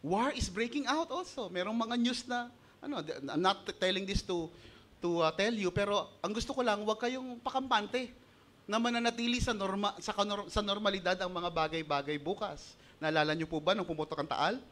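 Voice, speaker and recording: Bright, high-voiced Filipino pastor. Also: male voice, moderate pace. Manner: animated, mixing Tagalog and English, acting out quoted voices. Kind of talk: sermon.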